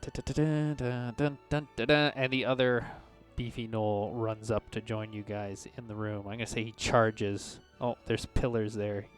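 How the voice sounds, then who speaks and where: A man acting as game master, improvising narration of tabletop combat in a halting but descriptive way. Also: lowish voice, flat delivery, faint music behind.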